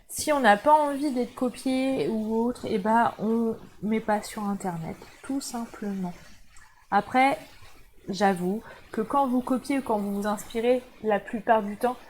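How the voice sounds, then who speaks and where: A woman with a French accent leads a casual livestream at her craft desk. She talks to her viewers in a chatty, friendly way and laughs often, in a slightly high voice. A faint background hiss sits under her voice. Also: a little mellow, low-quality recording. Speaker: crafting channel host. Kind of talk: casual live crafting demo. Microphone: camera mic.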